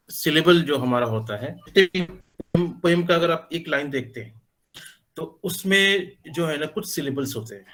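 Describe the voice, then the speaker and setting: Man lecturing slowly, many pauses. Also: mid-range voice, a bit bright, slight background noise. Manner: explanatory, many pauses and "uh" fillers. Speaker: teacher. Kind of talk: spoken lecture in Hindi mixed with English.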